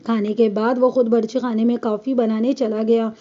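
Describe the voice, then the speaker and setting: A woman's voice: fairly high pitch, little pitch movement, dark tone, dull audio, natural voice. A woman voicing a defiant young wife who bluntly tells her story in a police statement, read as an audiobook. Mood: earnest. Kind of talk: audiobook reading.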